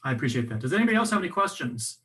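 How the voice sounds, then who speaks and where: Talking rapid-fire in a mid-range voice, a man leads a voice workshop, teaching in a lively, conversational way. He often restarts sentences and leans on fillers.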